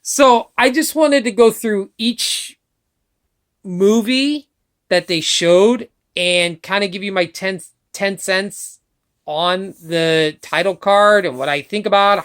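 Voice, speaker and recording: An excitable woman chatting casually into a webcam or phone mic. Her voice sits at a middling pitch, and she gushes and swears freely as she talks. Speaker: vlogger. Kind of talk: casual opinion chat.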